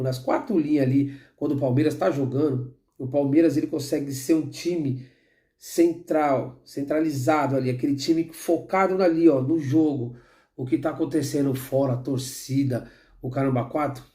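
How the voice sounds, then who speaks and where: Brazilian man, brazilian accent, mellow warm tone, heated rambling football talk. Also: medium pitch. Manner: heated, rambling, frequent restarts and asides. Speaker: football commentator. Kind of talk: opinionated casual football talk.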